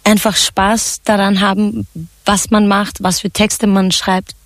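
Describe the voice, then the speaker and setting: A woman from Turkey, a singer and songwriter, answering radio interview questions in a relaxed, chatty way with frequent laughs and fillers. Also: mid-range voice, measured pace, no echo.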